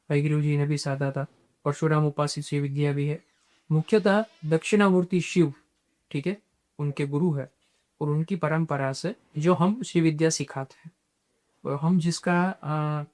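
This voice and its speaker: A man, a guest on a podcast, explaining spiritual practice in a measured way and dropping English terms into his talk. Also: on the high side, a little mellow.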